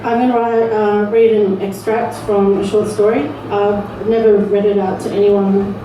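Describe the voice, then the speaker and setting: A woman's voice: medium pitch, level tone, normal speed. Australian woman, slightly nervous amateur poet at a live open mic, heavy room echo, some noise. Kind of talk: spoken word poetry and story reading. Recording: roomy, distant mic with faint background noise.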